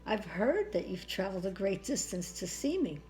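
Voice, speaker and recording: A woman's voice: mid-range voice, sing-song, moderate pace, a little mellow, a little hiss or hum, natural voice, low-quality recording. A woman voicing a wise, curious king in a children's storybook, speaking patiently. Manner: questioning, explaining patiently. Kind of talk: children's storybook read-aloud.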